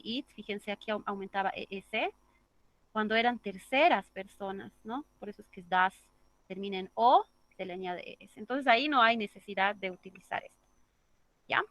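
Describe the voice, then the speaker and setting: A woman's voice: mid-range voice, a bit bright. A woman teaching an English grammar class, explaining step by step and checking in with the class through tag questions. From Bolivia.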